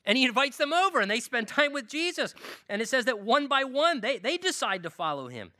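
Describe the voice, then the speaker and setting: A man preaching a sermon as pastor, emphatic and animated, building his points through long lists of phrases. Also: very high voice, a little fast, dry recording, studio quality.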